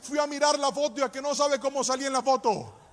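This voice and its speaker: Man, high voice, preacher, sermon, sing-song cadence, shouted peaks, echoey church hall. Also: fast. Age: adult, married with a child. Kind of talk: sermon with personal storytelling. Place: church service.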